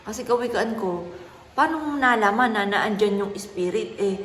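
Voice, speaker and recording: Mom, soft earnest storytelling, roomy echo, bit of hiss. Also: female voice, medium pitch, lively intonation, moderate pace. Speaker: mother sharing a story. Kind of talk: casual vlog talk. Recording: echoey room with faint noise.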